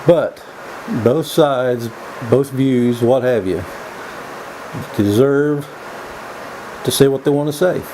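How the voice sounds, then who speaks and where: A man's voice: medium pitch, slow, pauses often. Folksy man rambling over noisy background hum. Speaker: vlog host. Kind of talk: rambling opinion monologue, casual smoke-and-chat vlog. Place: indoors.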